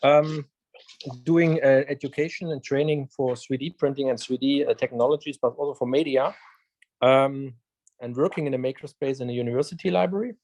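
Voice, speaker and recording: A man's voice: medium pitch, steady tone, brisk, a little mellow. A man from Germany, a 3D printing trainer, introducing himself on a video call in a chatty way. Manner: chatty, laughs often.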